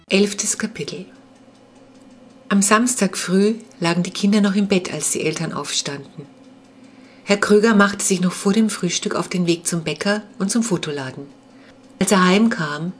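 A woman reading aloud her own children's novel as an audiobook, calm and measured. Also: fairly low pitch.

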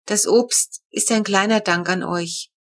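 Woman reading as a timid older neighbor lady, quiet and halting, slow storybook delivery, mid-pitched voice, grateful and gentle. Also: fairly even intonation. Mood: shy, grateful.

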